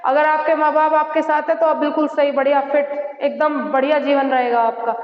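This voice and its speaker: A woman with a high voice teaches an online exam-prep class, mixing English phrases into her explanations and checking in with the students after nearly every point. The recording is dull and lo-fi, and her voice rings in an echoey room with a long tail of reverb. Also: little pitch movement, a little fast. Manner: mixes English phrases, repeats "theek hai" and "right?"; gives advice directly to students. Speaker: Hindi teacher.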